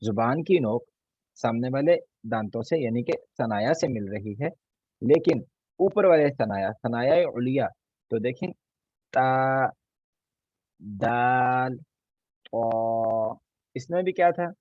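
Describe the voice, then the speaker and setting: A man teaching an online recitation class, patiently repeating each letter slowly so students can copy him. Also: medium pitch, animated, mellow, husky, dry recording, highs cut off. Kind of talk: online tajweed class lesson.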